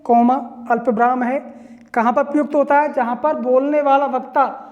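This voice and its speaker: A man teaching a grammar lesson from India, going over each point deliberately, repeating it and answering his own questions. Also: extremely high pitch, fairly even intonation, darkish tone, dull audio.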